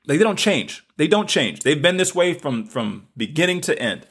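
A man's voice: a little high, big pitch swings, normal speed, a bit bright, breathy edge. A man with a Southern US accent hosting a spiritual podcast, talking in a loose, rambling way, often hunting for words and repeating himself. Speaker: podcast host.

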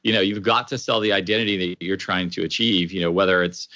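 A man hosting a podcast, responding to his guest in a relaxed, reflective way. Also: low-pitched, fast talker, no room sound, lo-fi sound. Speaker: podcast host. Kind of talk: conversational interview.

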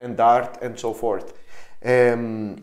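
A man with a Cypriot Greek accent hosting an interview, speaking haltingly and often switching into English phrases. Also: medium pitch, level tone, darkish tone. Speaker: podcast host, interviewer. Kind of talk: conversational interviewing. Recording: roomy, echoey sound.

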